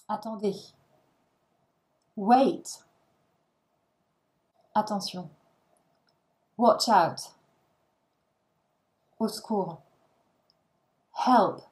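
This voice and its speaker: A woman's voice: mid-range voice, a little mellow, rough recording. A woman reading short phrases for a language lesson, each one followed by its translation. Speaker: language teacher.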